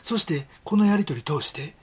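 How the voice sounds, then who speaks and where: A man's voice: a little high, expressive, normal speed, husky. A male pastor with a Kansai accent, preaching a sermon in an earnest, conversational way and often dropping into a whisper. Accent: Kansai Japanese.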